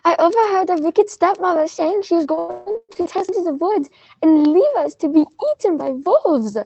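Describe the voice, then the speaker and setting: A woman's voice: very high-pitched, lively intonation, moderate pace, a little mellow, no echo, muffled recording. A woman playing a naive, anxious little girl in a comic fairy-tale play for children.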